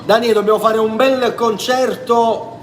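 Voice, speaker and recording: High-voiced southern Italian man, echoey room. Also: fairly even intonation, unhurried, slight background noise. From Sicily. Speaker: singer hosting a livestream. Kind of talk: casual livestream chat. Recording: echoey room, music behind.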